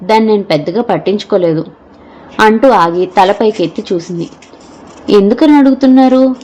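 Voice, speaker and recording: Woman, audio novel narrator, steady measured reading, middle pitch. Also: dull audio.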